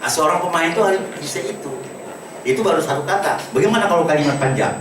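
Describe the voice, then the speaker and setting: A man teaches acting students, explaining and demonstrating words in different tones. His voice rings around a hollow room and sounds some distance from the microphone. Steady noise hums underneath. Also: on the high side, fast talker. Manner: instructive, demonstrates words with varied intonation. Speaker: acting workshop trainer. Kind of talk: lecture to a workshop. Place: large room at a workshop. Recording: echoey room recorded from a distance with background noise.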